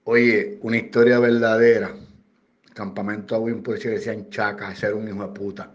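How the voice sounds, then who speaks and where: Talking fast in a lowish voice, a Puerto Rican-accented man shares real stories from working as a security guard. The storytelling is casual and slangy, with animated impressions of the people he quotes, and the recording is dull and lo-fi with faint noise.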